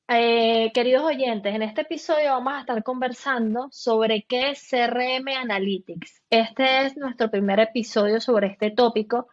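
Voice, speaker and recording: Dull-sounding female podcast host. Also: on the high side. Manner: friendly, structured hosting with fillers. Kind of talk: podcast interview.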